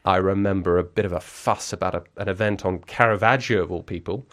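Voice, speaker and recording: A man in his forties raised in Brussels speaks as an interview guest, reflective, articulate and wry, with plenty of restarts and fillers. His deep voice is fairly quick, fairly even in intonation and a bit bright, with no room sound.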